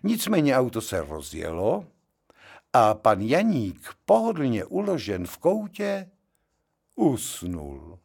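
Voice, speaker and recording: A male narrator reads a short story with animated expression, his pitch swinging widely. His voice carries a gravelly grain throughout. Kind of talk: audiobook reading of a short story.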